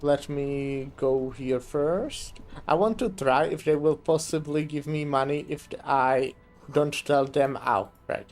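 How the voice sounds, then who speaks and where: A man's voice: on the high side, takes it slowly, darkish tone, soft background music. A man streamer casually commenting on a video game, hesitant with many fillers.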